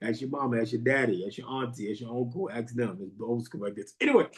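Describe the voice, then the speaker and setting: A man hosting a podcast who tells a story in a casual monologue, animated, repeating phrases and jumping high when he quotes himself. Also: quick pace. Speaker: podcast host.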